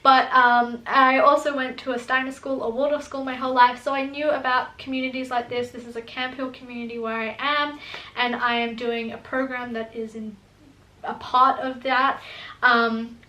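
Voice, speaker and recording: A woman's voice: fairly high pitch, little pitch movement, moderate pace, bright, forceful tone. A woman of twenty-one, chatty and laughing often as she answers viewers' questions in a casual vlog. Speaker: student vlogger. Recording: echoey room.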